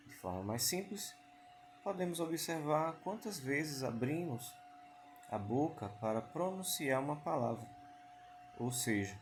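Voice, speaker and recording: A man's voice: mid-range voice, slight background noise. A man teaching an online lesson. He explains patiently, repeating key points and asking rhetorical questions.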